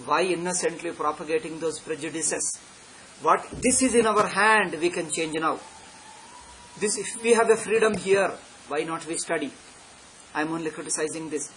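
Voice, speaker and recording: A man delivers an off-the-cuff spiritual discourse in a fairly high voice. He speaks emphatically, repeating key phrases as a teacher would. The live recording carries some background noise. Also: moderate pace, fairly bright tone. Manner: emphatic and repetitive, restating phrases. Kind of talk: extempore religious discourse. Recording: clearly noisy live recording.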